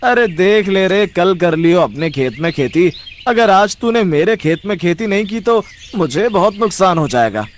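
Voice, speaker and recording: A man voicing a sly, scheming older brother in a cartoon story, loud and cajoling. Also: high voice, expressive, moderate pace, few pauses, slight background noise. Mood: coaxing. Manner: loud, cajoling, chuckling slyly. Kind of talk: cartoon voice acting.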